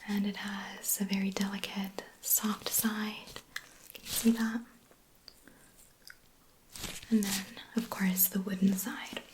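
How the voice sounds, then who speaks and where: A woman doing a whispered role-play as a medical examiner, gently giving step-by-step instructions and reassurance in an ASMR style. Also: medium pitch, level tone, takes it slowly, pauses often, slight background noise, poor audio.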